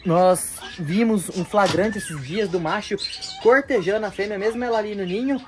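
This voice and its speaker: A man's voice: sits high, moderate pace, background noise. A man hosting a casual vlog as he tours his bird enclosures outdoors, chatting to viewers and cooing at the birds in baby talk. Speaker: bird keeper and vlog host.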